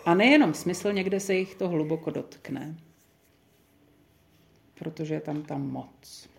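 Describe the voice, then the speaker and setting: A woman's voice: deep voice, vocal fry. A woman leading a small group Bible study, thinking aloud in a chatty way with many fillers and restarts.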